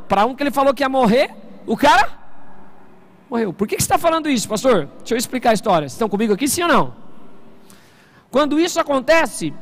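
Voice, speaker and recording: Man, very high voice, pastor, animated sermon, questions to the congregation. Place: church service.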